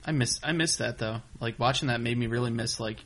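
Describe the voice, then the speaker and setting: A man co-hosting a casual chat in a middle-pitched voice. He is blunt and opinionated, and he swears freely and often. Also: fairly quick, fairly bright tone. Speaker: podcast co-host.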